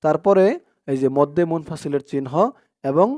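A man teaching Quran reading. He chants each Arabic word slowly and loudly, then explains the pronunciation rules in quick, soft speech. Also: fairly high pitch, dry recording. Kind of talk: Quran reading lesson, recitation with Bengali explanation.

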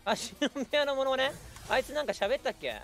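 A man streaming a game and talking over it live, his pitch swinging widely as he reacts. He jumps from chatter to sudden shouts, with faint music playing underneath. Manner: excitable, quick shouted reactions. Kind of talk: live gameplay commentary.

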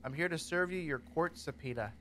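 A man's voice: on the high side, fairly quick, a bit bright, a little hiss or hum. A man casually commenting while he plays a game, joking, rambling and talking to the characters. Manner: goofy, rambling, jokey, talks to characters. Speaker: gaming streamer.

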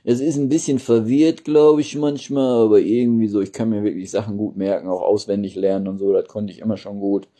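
A man's voice: fairly low pitch, fairly even intonation, fairly quick, few pauses, warm tone. A man in his forties chatting casually and colloquially to his phone indoors, often tagging questions onto his phrases. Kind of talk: casual rambling chat to camera. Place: small indoor room. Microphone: phone at arm's length.

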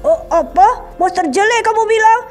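A woman's voice: very high-pitched, moderate pace, darkish tone, faint music behind. A woman voicing a giant male hamburger monster in a game-animation drama. He is groggy, indignant and whiny. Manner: groggy, indignant, whining in pain.

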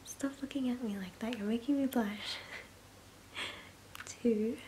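A woman's voice: fairly high pitch, measured pace, mellow. A woman in her twenties in an ASMR role-play as a sleepy, affectionate girlfriend, soothing and intimate, speaking close to the mic. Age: 20s. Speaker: ASMR performer. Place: small bedroom, indoors. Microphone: close to the mouth. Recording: clear background hiss and ambience.

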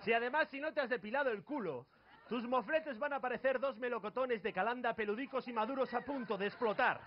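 A man's voice: extremely high pitch, a little fast, dull audio. A man with a Spanish accent doing a stand-up comedy routine on a club stage, jokey and punchy. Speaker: comedy duo host.

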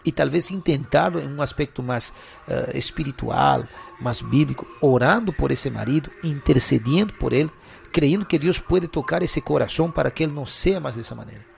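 A man's voice: medium pitch, expressive, normal speed, vocal fry. A middle-aged male pastor giving question-and-answer sermon advice, asking rhetorical questions and tagging his sentences with short checks. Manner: constant tag questions, rhetorical.

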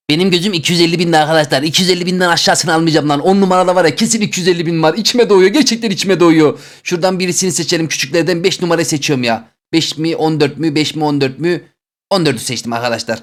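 A man playing an online game show for his channel, joking and reacting loudly as he picks boxes. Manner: excitable, jokey, rapid banter with swings in pitch. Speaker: gaming YouTuber.

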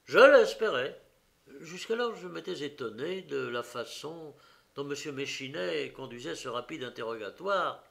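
A man narrating an audiobook of a detective story in a slow, dramatic reading. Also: mid-range voice, vocal fry, a bit bright.

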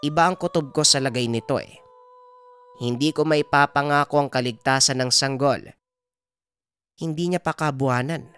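A man voicing an elderly village healer woman who gives brisk orders. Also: medium pitch, fairly bright tone, clear, resonant tone, soft background music, voice pushed up, close to an everyday voice. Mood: commanding. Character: stern old village healer woman, commanding.

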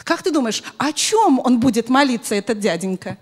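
A middle-aged woman with a high voice tells a moral story to a group of children. She is expressive and instructive, drawing her young listeners in with questions as she speaks into a handheld microphone. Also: fairly quick. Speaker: children's Sunday school teacher. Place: large bright church hall with audience of children.

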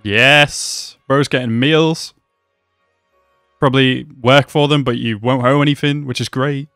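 A young man reacting to an anime episode at home, talking excitedly and exclaiming often. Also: medium pitch, unhurried, no room sound, studio quality, soft background music. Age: young adult. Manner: animated, exclaims and laughs often. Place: small room at home.

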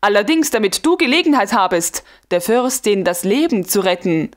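A woman reading the lines of a smug, carefree young male guard lieutenant in an audiobook, calm and teasing. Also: sits high, moderate pace. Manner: calm, self-satisfied, teasing. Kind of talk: audiobook dialogue.

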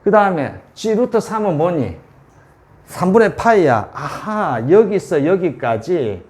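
Slow-talking man teaching math. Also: sits high, very animated, darkish tone. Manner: checks understanding constantly, repeats values. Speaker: math tutor. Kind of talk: whiteboard calculus lesson.

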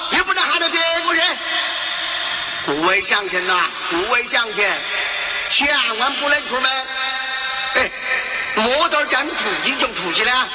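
A man with a Hubei accent, a village chief, scolding and shouting a public warning through a village loudspeaker. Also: very high voice. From Hubei, China. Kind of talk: public announcement. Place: outdoors in a village. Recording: echoey outdoor loudspeaker with loud noise.

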